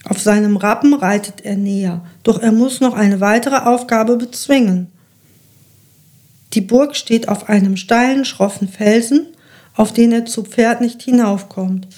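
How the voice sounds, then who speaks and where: Calm woman reading a children's story. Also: on the high side, measured pace.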